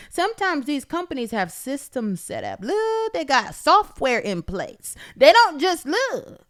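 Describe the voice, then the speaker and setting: Woman, podcast host, chatty teaching rant, high swooping voice. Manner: animated, ranting, says "look" constantly. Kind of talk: casual instructional monologue.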